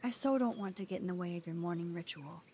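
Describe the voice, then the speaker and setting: A woman's voice: lowish voice, fast talker, a little mellow, a little hiss or hum, lightly acted. An actress playing an earnest, quirky teenage girl, a student photographer in a video game. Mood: friendly, thoughtful.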